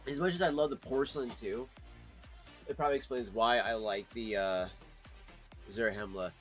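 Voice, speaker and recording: A man's voice: mid-range voice, normal speed. Casual, rambling man livestreaming over music. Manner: informal, rambling, addresses chat as friends. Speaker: livestream host reviewing pipe tobacco.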